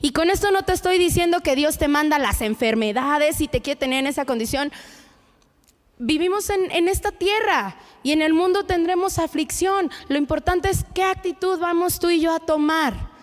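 A woman's voice: very high-pitched, moderate pace, big-room sound. A woman preaching a sermon in an earnest, conversational way, speaking straight to the listener.

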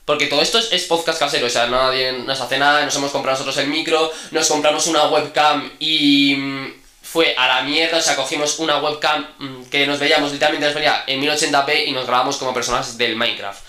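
A young man with a Spanish accent from Spain, co-hosting a homemade podcast in casual, animated chat. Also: mid-range voice, echoey room. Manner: fast, animated storytelling. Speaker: podcast co-host. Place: home room. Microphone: cheap desk mic.

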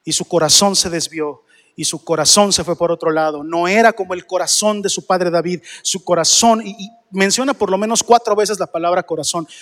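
A man's voice: high-pitched, a little fast, a bit bright, long reverb tail. A male pastor, preaching a sermon and firing rhetorical questions at the congregation.

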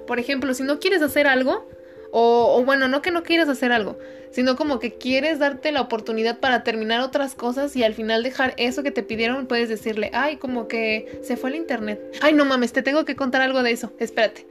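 A woman's voice: sits high, a little fast, faint music behind. A young Mexican woman telling gossip in a casual chat, swearing freely and acting out dialogue. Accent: Mexican Spanish.

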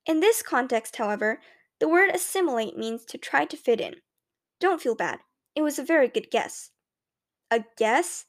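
A woman reading a children's novel aloud in the first person, with clear, expressive storytelling. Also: high-pitched, moderate pace. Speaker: audiobook narrator. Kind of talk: scripted first-person audiobook narration.

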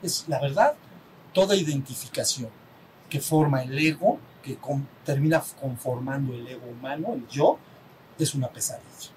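Mexican guy teaching a small group, keeps asking if they got it, soft rumble in the background. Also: normal speed, rough recording. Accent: Mexican Spanish. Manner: conversational, asks the group for assent, acts out little dialogues. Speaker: spiritual teacher. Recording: faint rumble behind.

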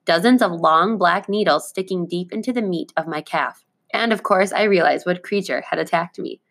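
A woman teacher reading a children's book aloud to her class, with clear, expressive delivery. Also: lowish voice, moderate pace.

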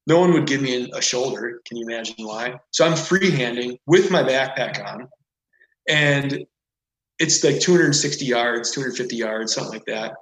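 A man appears as a podcast guest, telling a story in a mid-range voice at normal speed. He's casual and animated, rambling with lots of "like" and "whatever." The room is echoey.

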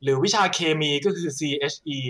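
A man's voice: fairly high pitch, brisk, fairly bright tone. A young man working as an esports analyst in a casual post-match chat, explaining things at length and adding wry jokes.

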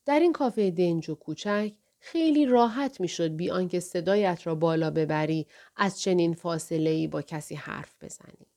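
A woman narrating a novel as an audiobook in a measured, even storytelling manner. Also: on the low side.

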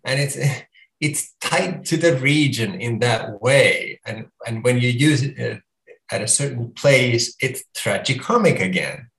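A man's voice: medium pitch, animated, gravelly, fairly bright tone. A Finnish-accented man talks unhurriedly and mulls each thought over, often restarting his phrases. His voice sits in a middle register, and the room around him adds a noticeable echo. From Finland. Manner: slow, thoughtful, with halting restarts. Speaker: guest author. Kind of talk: casual conversation.

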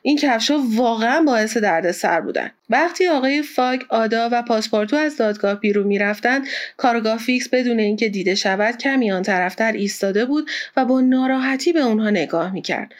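A woman narrating an audiobook in a steady storytelling manner. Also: fairly high pitch.

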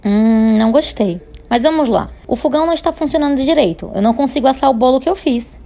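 A woman's voice: high-pitched, fast, vocal fry, warm tone. A Brazilian woman playing an exasperated, indignant customer in a comic radio play. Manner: indignant, protesting. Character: exasperated female customer with a broken stove. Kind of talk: radio comedy sketch acting.

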